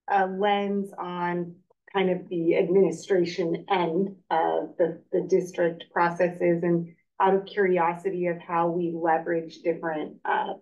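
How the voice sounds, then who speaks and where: Low-voiced woman administrator, distant. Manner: thoughtful, professional. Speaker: school district administrator. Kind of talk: self-introduction at a public meeting. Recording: distant, phone-like meeting recording.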